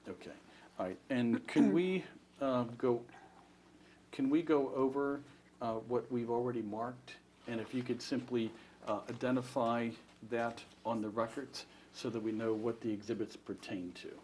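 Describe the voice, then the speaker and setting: Methodical male attorney, medium-pitched voice. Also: fairly even intonation, moderate pace, darkish tone. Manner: polite, methodical, procedural. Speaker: plaintiff's attorney questioning a witness. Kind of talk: formal deposition questioning. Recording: faint room noise.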